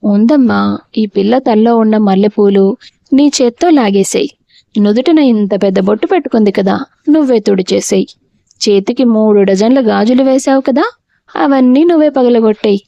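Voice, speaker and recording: A woman's voice: on the high side, moderate pace, gravelly, mellow, dry recording. A woman voicing a grown son who speaks coldly and pointedly to his mother, in an audio storybook. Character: quiet grown son turning defiant. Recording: dull, dry lo-fi recording.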